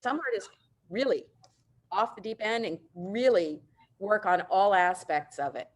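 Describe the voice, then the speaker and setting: A middle-aged woman printmaker giving a virtual presentation over a video call, explaining prints with warm enthusiasm and casual asides. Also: mid-range voice, expressive, measured pace. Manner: informal asides and self-corrections. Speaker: printmaker presenting artists' work.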